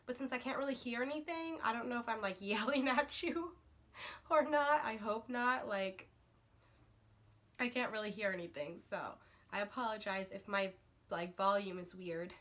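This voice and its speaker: Her voice is a little high and fairly bright, moving at a moderate pace. She's a book vlogger getting over a cold, talking loosely to camera with lots of fillers and false starts.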